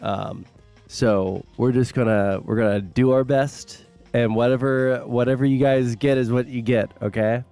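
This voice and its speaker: A sick man with a hoarse smoker's rasp, chatting casually and bluntly on a livestream, halting and swearing. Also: mid-range voice, steady tone, mellow, soft background music. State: sick, sore hoarse throat. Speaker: live streamer.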